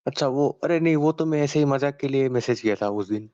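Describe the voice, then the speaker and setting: A man's voice: medium pitch, mellow, no echo. Hesitant man asking questions, muffled dry audio. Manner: hesitant, self-correcting, many fillers. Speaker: questioner in a debate. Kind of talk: casual debate questioning. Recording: dull dry lo-fi sound.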